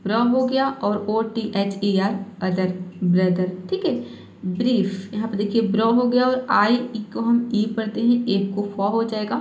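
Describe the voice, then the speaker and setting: A woman's voice: fairly high pitch, a little mellow. A woman teaching English reading and spelling rules in Hindi, patiently repeating each point and checking with her viewers. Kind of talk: explaining spelling and pronunciation rules. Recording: echoey room.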